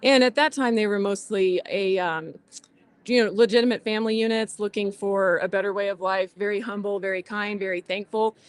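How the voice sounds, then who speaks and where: A woman's voice: medium pitch, fairly even intonation, brisk, clear, resonant tone, dry recording. A woman explaining things plainly as a guest in a casual interview. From southwestern New Mexico, USA. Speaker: rancher and podcast guest.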